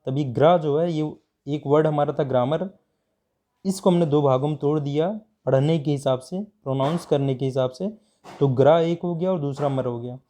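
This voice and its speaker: A man with an Indian accent teaching a grammar lesson, answering his own rhetorical questions and repeating key words slowly. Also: on the high side, mellow. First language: Hindi. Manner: asks rhetorical questions and answers them himself. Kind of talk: grammar lesson explained in Hindi.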